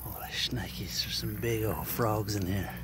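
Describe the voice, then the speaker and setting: A fishing vlogger in his thirties casually narrates a trip while out on a lake in a kayak, sounding folksy and chatty. His voice is fairly low and unhurried, captured on an action camera against a noisy background.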